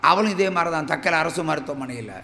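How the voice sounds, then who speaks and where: A middle-aged man, preaching a sermon and telling a personal story, with dramatic swings between loud exclamations and low murmurs. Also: animated, quick pace. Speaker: pastor. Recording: long hall reverb.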